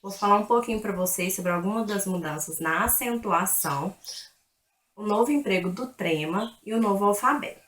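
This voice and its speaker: Woman presenter, friendly direct address, mid pitch, echoey room. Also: normal speed, fairly bright tone. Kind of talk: video lesson introduction.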